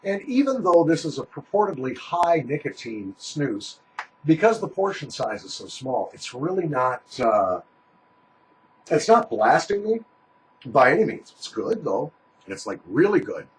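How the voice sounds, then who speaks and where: A man's voice: fairly high pitch, very animated, measured pace, a little hiss or hum, rough recording. A man giving a casual, rambling product review in a folksy, conversational way, talking with a small pouch tucked in his lip.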